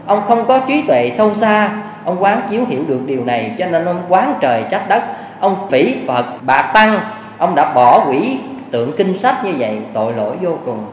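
A man's voice: sits high, very animated, normal speed. A man voicing a compassionate bodhisattva who solemnly admonishes an old man from the sky. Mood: solemn admonishing. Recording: echoey hall, faint hiss.

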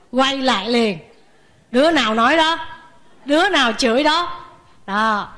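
High-voiced nun preaching. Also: female voice. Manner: lively, asks the audience questions. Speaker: Buddhist nun. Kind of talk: sermon.

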